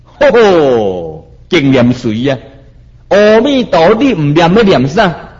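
A man with a Taiwanese Hokkien accent gives a Buddhist sermon, chanting verses slowly and then explaining them with rising exhortation. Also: a little high, big pitch swings, a little mellow, dull audio. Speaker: Buddhist preacher.

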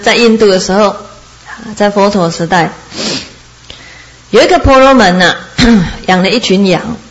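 A woman giving a Buddhist dharma talk, telling a story in a lively way and often laughing as she speaks. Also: mid-range voice, low-quality recording. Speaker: Buddhist teacher.

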